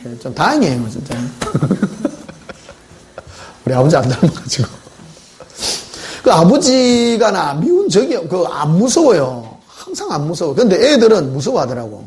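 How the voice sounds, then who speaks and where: Lively preacher. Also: male voice, fairly high pitch, moderate pace, pauses often. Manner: conversational storytelling, questioning the congregation. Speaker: pastor. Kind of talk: sermon. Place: church.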